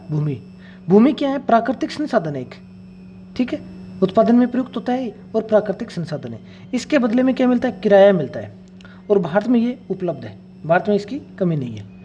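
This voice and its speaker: A woman's voice: mid-range voice, big pitch swings, brisk, dark tone, dull audio, slight background noise. A woman teacher giving an exam-prep classroom lecture, asking rhetorical questions, answering them herself and repeating the key phrases.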